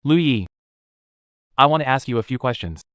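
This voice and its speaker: An actor playing a young, proud fruit tree breeder who talks steadily and bluntly in a dubbed drama. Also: male voice, mid-range voice, lively intonation, moderate pace, fairly bright tone, clean tone, dry recording, studio quality, lightly acted. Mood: cold reproach. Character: proud self-made durian grower, young man, calm and firm.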